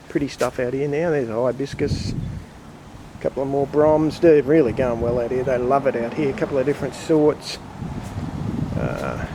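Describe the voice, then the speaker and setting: A man's voice: medium pitch, creaky, darkish tone, a little hiss or hum, poor audio. A man giving a rambling, casual walk-through of his garden outdoors, filmed on a handheld camera. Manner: chatty, rambling, with frequent ums and uhs. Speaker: home gardener filming his yard.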